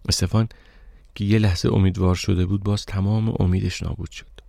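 A man narrating an audiobook story in a steady, even reading voice. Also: deep voice, vocal fry, dry recording, studio quality. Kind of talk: scripted narration.

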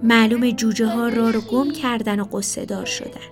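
A woman tells a children's story gently and expressively in a high voice. Music plays clearly beneath her narration. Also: steady tone.

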